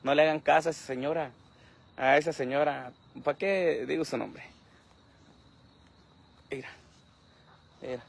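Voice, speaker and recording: A man's voice: a little high, measured pace, creaky, pauses often, breathy edge. A man, filming himself outdoors at night on a phone held at arm's length, complaining in an aggrieved, repetitive way. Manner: aggrieved, repetitive, talks to his dog. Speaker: social media creator. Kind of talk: selfie video rant.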